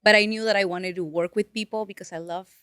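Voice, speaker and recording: A native Spanish speaker from Peru in her late twenties appears as a guest financial advisor in a casual interview, telling her story earnestly and animatedly with restarts. She talks quickly in a mid-range voice. The sound is clean studio audio with no room sound.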